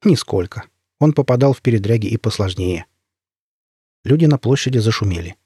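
A man narrating a story in a measured, steady way. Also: fairly low pitch, slightly rough, no echo, clean studio sound.

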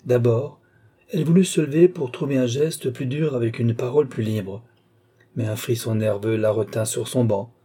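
A man narrating a classic novel as an audiobook, with measured, expressive reading. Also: mid-range voice, slightly rough.

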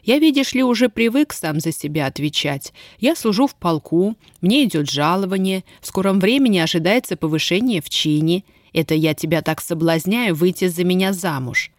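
A woman's voice: lowish voice, animated, normal speed, few pauses, no echo, clean studio sound, lightly acted. A woman reading an audiobook, voicing an earnest young male army officer who pleads in love and speaks steadily. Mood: steady. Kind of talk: audiobook character voice.

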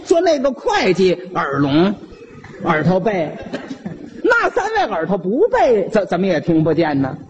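A man with a Beijing accent telling a comic story solo, in a lively, animated manner. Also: high voice, measured pace, long reverb tail, noisy background.

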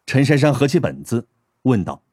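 A man narrating an audiobook in an expressive storytelling manner. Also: medium pitch, moderate pace, slightly rough. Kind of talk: scripted narration.

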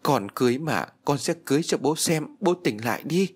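A man's voice: on the low side, sing-song, normal speed, breathy edge, full character voice. A man voicing a grieving young woman at her father's bedside, tearful and pleading. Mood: desperate.

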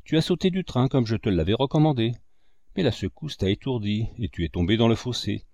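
A man's voice: mid-range voice, expressive, fairly quick, darkish tone, no room sound, natural voice. A man voicing a loyal, eager young boy in an audiobook, talking earnestly to his friend. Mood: relieved.

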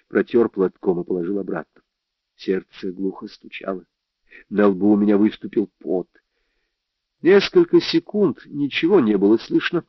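A man with a fairly low voice narrates a first-person crime story, measured and tense, often dropping to a hush. The recording is dry and slightly dull. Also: no echo. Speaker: audiobook narrator.

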